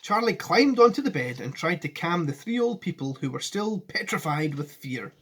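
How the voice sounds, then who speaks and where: A husky, slightly bright male voice, fairly high in pitch, very animated and at a normal speed. He is a teacher in his forties, reading a children's story expressively and speaking warmly to his pupils from his living room at home. He's recorded on a device camera held at arm's length.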